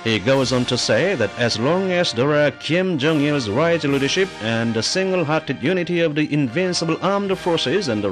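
A man reading scripted documentary narration in a formal, measured manner. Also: fairly high pitch. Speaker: English voice-over narrator.

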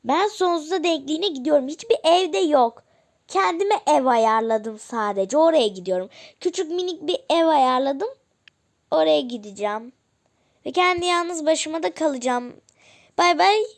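A woman's voice: high-pitched, expressive, normal speed. A woman voicing a stubborn mother who insists on leaving her family, talking in a dismissive, insistent way in a family role-play. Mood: defiant.

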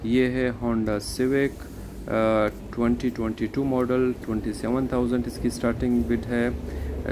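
A man narrating a walkaround video at an outdoor used car auction lot, speaking in a plain, steady, informative way with hesitant fillers. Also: mid-range voice. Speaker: car market vlogger. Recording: outdoor noise behind voice.

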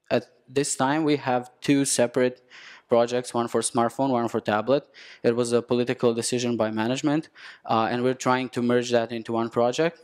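A young man with a Serbian accent speaks at a conference lectern through a headset mic. His voice is smooth and clear, pitched in the middle range. He talks in a halting way, with fillers and frequent restarts. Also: a little mellow. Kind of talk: technical conference talk.

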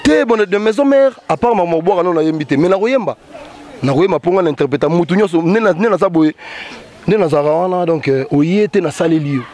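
A man, a show hype man and singer, chatting casually in an interview in a relaxed, halting way. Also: high voice. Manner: mixes French and Lingala, relaxed and halting.

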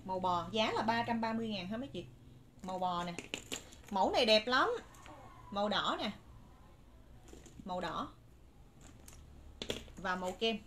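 A woman's voice: mid-range voice, animated, moderate pace, pauses often. A woman in her thirties with a Southern Vietnamese accent, giving persuasive, repetitive live-stream sales patter to viewers from a room, into a phone. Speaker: live-stream shop seller. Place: indoor room with curtains and bagged stock. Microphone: phone a short distance away. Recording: noisy room recording on phone.

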